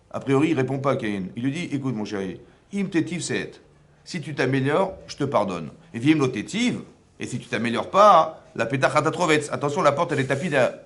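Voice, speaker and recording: A man teaching a religious class, animated, asking many rhetorical questions. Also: on the high side. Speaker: rabbi teaching a women's class. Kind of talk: religious lecture.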